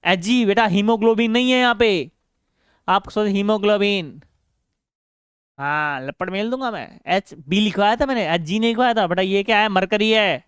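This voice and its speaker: A man's voice: high voice, a bit bright, clean tone, no echo, studio quality. A male biology teacher lecturing in a classroom style, teasing and scolding students while he keeps asking questions and answering them himself.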